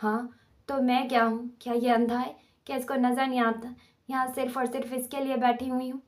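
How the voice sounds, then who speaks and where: A woman's voice: high voice, flat delivery, close to an everyday voice. A woman reading the part of a young wife who is indignant, ranting and sarcastic in an audiobook novel.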